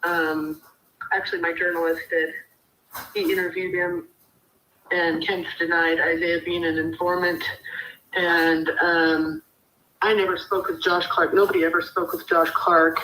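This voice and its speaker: A woman's voice: fairly low pitch, little pitch movement, measured pace, pushed and bright. A woman being interviewed over a speakerphone, speaking hesitantly with many fillers. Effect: heard over a speakerphone. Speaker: interviewee, mother of the deceased. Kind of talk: remote interview. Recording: echoey speakerphone with faint hiss.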